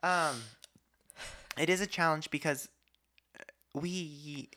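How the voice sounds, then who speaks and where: A man's voice: a little high, steady tone, takes it slowly, pushed and bright. A man hosting a casual podcast conversation, talkative and argumentative, with many asides. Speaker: podcast host.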